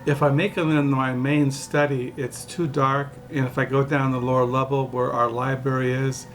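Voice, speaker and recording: A man's voice: mid-range voice, flat delivery, normal speed, slight background noise. A man in his sixties from California, rambling through a casual home vlog with many fillers and restarts, recorded in his dining room. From California, USA. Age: 60s. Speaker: book vlogger. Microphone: camera mic.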